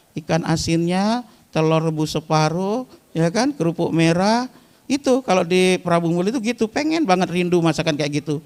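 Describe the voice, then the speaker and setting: A male preacher in his thirties with a voice sitting somewhat above the usual male pitch. He tells stories in a relaxed, chatty way and keeps turning to his live congregation as he talks. The talk mixes religious teaching with humor. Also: long reverb tail. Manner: chatty storytelling, often addressing the listeners directly. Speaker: Islamic preacher. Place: weekly study gathering before a live audience.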